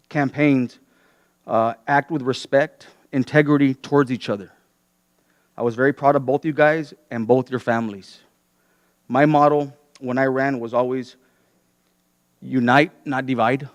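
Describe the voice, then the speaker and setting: Clear-voiced man giving a farewell speech. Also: mid-range voice, dry recording. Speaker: outgoing city commissioner. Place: city council meeting.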